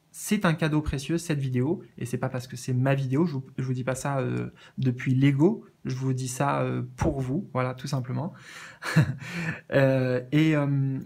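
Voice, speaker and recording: A man doing a casual spiritual card reading, earnest and gentle, with many fillers and restarts. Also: a little high. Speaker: medium reading oracle cards.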